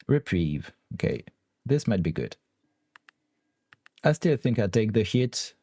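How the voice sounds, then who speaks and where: Slow, low-voiced French-accented man musing. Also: mellow, dry recording. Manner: deliberating, laughs often. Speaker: card game streamer. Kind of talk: thinking aloud while playing online.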